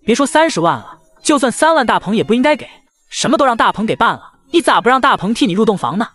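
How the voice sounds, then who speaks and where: A man's voice: very high-pitched, big pitch swings, fast, a bit bright, faint music behind. A man narrating a recap of a short drama, full of mocking quips and jokes. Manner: mocking, quipping asides. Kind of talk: joking recap narration over clips.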